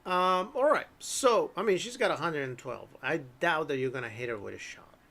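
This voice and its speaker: A man with a fairly high voice guides players through a tabletop horror game as game master. He talks in a relaxed, halting way, often clearing his throat and filling pauses with um. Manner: relaxed, hesitant with frequent ums and throat clearing.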